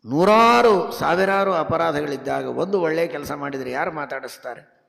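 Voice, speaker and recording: A man with a North Karnataka Kannada accent preaches a devotional sermon, his fairly high voice rough with gravel. He chants Sanskrit verses slowly and shifts between loud emphatic stresses and quiet asides. The sound rings on in a long hall reverb. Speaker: religious teacher giving a discourse.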